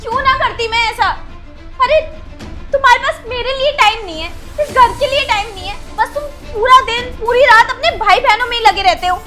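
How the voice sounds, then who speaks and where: A woman acting a sharp-tongued young sister-in-law in a family skit, nagging and repeating herself as she scolds. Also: very high voice, fairly quick, soft background music. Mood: bitter. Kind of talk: amateur Hindi web-skit acting.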